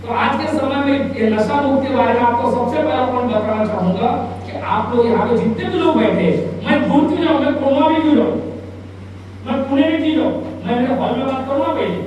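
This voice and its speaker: A man's voice: extremely high pitch, brisk, muffled recording, noisy background. A man giving a motivational anti-drug awareness talk in a large hall, telling stories and asking the audience rhetorical questions, recorded from far off.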